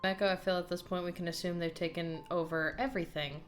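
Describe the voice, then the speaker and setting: A woman's voice: fairly low pitch, level tone, quick pace, soft background music. A woman streamer commenting wryly and sarcastically over a video game. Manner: wry, sarcastic quips. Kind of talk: let's-play commentary.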